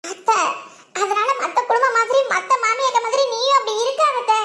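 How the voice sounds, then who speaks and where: A woman's voice: very high-pitched, brisk, a bit bright. A woman voicing an earnest young village daughter-in-law in a cartoon, with a southern Tamil Nadu dialect and a pleading manner. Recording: roomy echo.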